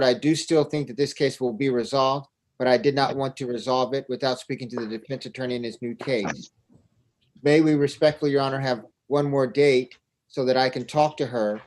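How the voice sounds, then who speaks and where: A man's voice: medium pitch, fairly even intonation, brisk, darkish tone. A man working as an attorney, arguing formally and deferentially before a judge in court. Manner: formal and deferential, repeating "Your Honor". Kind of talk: courtroom argument.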